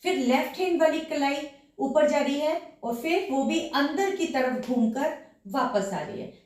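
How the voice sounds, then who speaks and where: A woman with a slightly hoarse voice from a sore throat leads a dance lesson, counting beats aloud as she shows each step. Her voice sits a bit high and reaches the mic from across a very echoey room. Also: animated, a little slow, darkish tone, far from the mic. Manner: counts beats aloud while demonstrating moves. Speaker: dance teacher.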